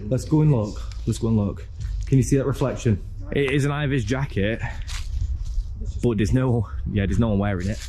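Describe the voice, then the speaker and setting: A jittery man filmed outdoors at night on a handheld camera, his voice carrying the rough sound of the footage. A steady hiss of outdoor noise sits under everything he says. He talks in a nervous, jumpy way. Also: medium pitch. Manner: nervous, jumpy, talking fast and loud when spooked. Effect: heard through handheld camera video footage. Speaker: urban explorer filming. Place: outdoors at night among abandoned warehouses in snow. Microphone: handheld camera mic.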